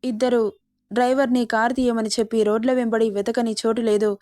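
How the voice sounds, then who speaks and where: A woman narrating a serialized romance story in a steady reading voice. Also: fairly high pitch, fairly quick, no echo, clean studio sound.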